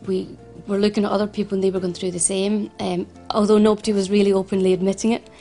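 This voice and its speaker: A Glasgow woman who founded a financial advice service earnestly relates her own story in an interview, halting and repeating words as she restarts. Her mid-pitched voice holds a level tone with little rise and fall, over faint, soft music.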